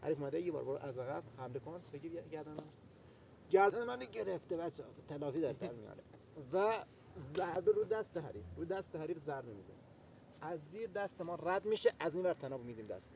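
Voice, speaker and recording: A man's voice: fairly high pitch, vocal fry, a little hiss or hum. A man teaching a self-defense lesson, counting out each step as he demonstrates and calling out to his viewers. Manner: energetic, counts out steps as he demonstrates; chatty, keeps calling out to viewers. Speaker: martial arts instructor.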